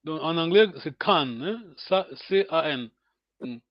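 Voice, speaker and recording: Brief: male teacher on a video call, high voice, unhurried and halting, dull dry lo-fi audio. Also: expressive, dry recording. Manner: patient, hesitant, many pauses and fillers. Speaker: language teacher. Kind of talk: online language lesson.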